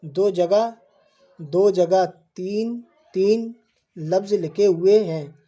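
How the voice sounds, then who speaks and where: Mellow-voiced teacher spelling out syllables. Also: medium pitch, muffled recording. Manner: spells out letters and vowel marks syllable by syllable, repeating words slowly; addresses viewers directly and patiently explains rules. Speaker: Quran reading teacher. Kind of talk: online reading lesson.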